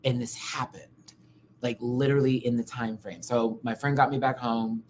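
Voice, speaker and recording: Telling personal stories on his livestream, an American man is candid and chatty, using slang and frequent tangents. His medium-pitched, slightly mellow voice moves at a moderate pace with fairly even intonation, over a little hiss or hum.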